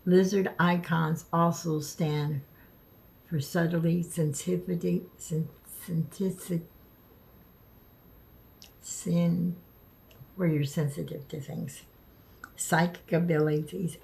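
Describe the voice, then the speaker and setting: A woman vlogging casually, speaking haltingly and stumbling over words, with the lisping, slurred sound of missing front teeth. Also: on the low side, steady tone, gravelly, a little mellow, poor audio. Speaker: video creator. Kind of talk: casual spoken vlog, partly reading aloud.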